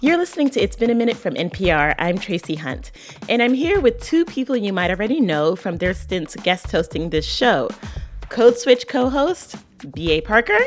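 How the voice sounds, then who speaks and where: A woman's voice: mid-range voice, very animated, normal speed, faint music behind. A woman from Barbados hosting a radio podcast, asking questions conversationally and reading upbeat scripted intros. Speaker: guest host.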